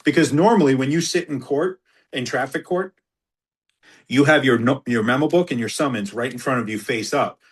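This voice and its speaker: Ex-cop guest telling war stories with voices, a bit husky, mid pitch. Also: male voice, moderate pace. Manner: tells stories with acted-out quoted dialogue. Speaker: former police officer. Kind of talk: casual storytelling interview.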